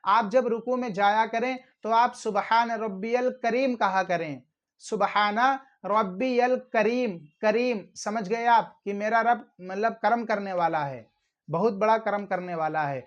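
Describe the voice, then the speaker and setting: A man giving a religious instruction talk to online viewers, speaking in an earnest, fatherly way with drawn-out fillers. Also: high voice. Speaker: religious video host. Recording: slightly dull lo-fi audio.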